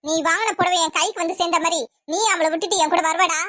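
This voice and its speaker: A bossy old mother-in-law barks insults and demands at her family, as a woman voices her. Her voice sits very high and piercing. It sounds dry and close to the mic, with no room around it. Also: steady tone, fast, bright, forceful tone, no room sound. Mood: scolding.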